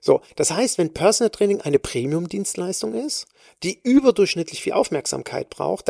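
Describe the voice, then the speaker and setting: A woman's voice: lowish voice, creaky, darkish tone, no room sound, studio quality. A woman hosting a solo podcast, speaking as a personal trainer in an emphatic way, stressing and repeating words.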